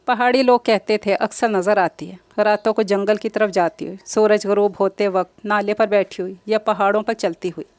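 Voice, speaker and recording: A woman's voice: mid-range voice, fairly even intonation, hardly any pauses, a little mellow, dry recording. Woman narrating an emotional novel. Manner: emotive, dramatic storytelling. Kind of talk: scripted audiobook narration.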